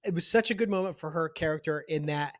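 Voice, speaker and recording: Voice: mid-range voice, quick pace, dry recording, clean studio sound. A podcast co-host chatting casually about an episode, dropping wry jokes. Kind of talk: casual recap chat.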